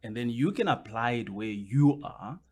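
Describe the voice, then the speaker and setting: A man's voice: medium pitch, moderate pace. A man, a guest on a podcast interview, explaining his points at length and often circling back with "which basically means".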